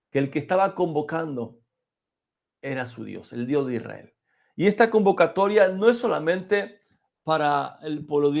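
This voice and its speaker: Slow, gravelly-voiced male preacher. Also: on the high side, a little mellow. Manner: measured, addresses listener directly with "fíjese". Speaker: pastor. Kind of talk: sermon teaching on a psalm.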